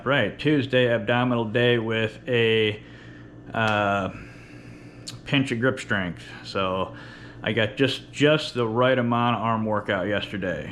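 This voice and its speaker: A man's voice: on the low side, steady tone, measured pace, a bit bright, slight background noise. A man with a lisp and whistling s from missing top teeth, talking bluntly and profanely in a casual, rambling unedited vlog. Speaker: workout vlogger. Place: indoor home workout space with running fridge.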